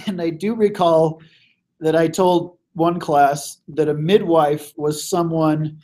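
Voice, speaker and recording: A man teaching a review session in a classroom, with his voice a bit worn. He talks casually with lots of ums and likes, and keeps clearing his throat. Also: a little high, a little mellow. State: losing his voice.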